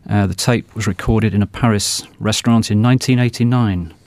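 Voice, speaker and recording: Dry-sounding, low-pitched male presenter. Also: fairly even intonation, a little fast, darkish tone, no room sound. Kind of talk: spoken outro to an interview.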